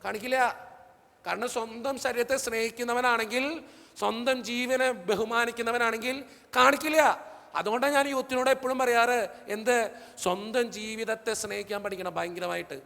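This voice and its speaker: A priest gives a lively, joking talk to young people, slipping into the voices of the people in his stories. His voice sits very high for a man and has a gravelly edge. It rings with a long reverb, as if across a big hall. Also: moderate pace. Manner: animated storytelling, acting out the people he quotes.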